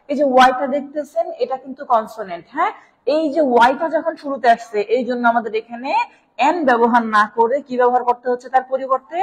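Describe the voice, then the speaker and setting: A woman with a Bangladeshi Bengali accent gives a live online grammar lesson in a fairly high voice. She explains patiently, step by step, checking in with her listeners as she goes. A long reverb trails each phrase. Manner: explanatory, checks in with "right?", addresses viewers as "sir". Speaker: English grammar teacher.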